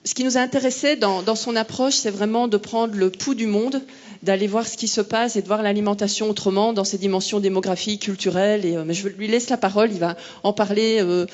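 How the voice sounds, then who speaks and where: A woman's voice: mid-range voice, a little mellow. A woman hosting an event, giving an unscripted introduction and often searching for words. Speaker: event host introducing a speaker. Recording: slightly muffled event recording.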